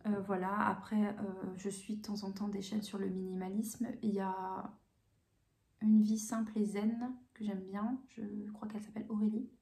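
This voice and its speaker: Calm, flat-toned woman in a roomy room. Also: medium pitch, normal speed, creaky. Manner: hesitant, many fillers and restarts; calm, even delivery. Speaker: coloring channel host. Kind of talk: casual chat answering viewer questions. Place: home room with bookshelves. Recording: roomy echo.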